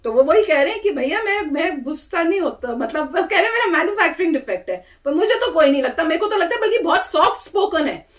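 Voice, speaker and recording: High-voiced chatty woman reacting. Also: animated, fast, hardly any pauses. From India. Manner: chatty, opinionated, laughs often. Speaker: reaction video co-host. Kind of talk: casual reaction chat.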